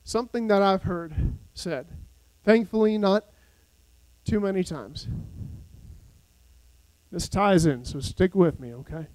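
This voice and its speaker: A male pastor preaches with passion, dropping to quiet asides and climbing to shouted peaks. His voice is notably high for a man. The sound is dry and close, with no room echo. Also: takes it slowly, pauses often. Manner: impassioned, wide swings between soft and shouted. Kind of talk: sermon.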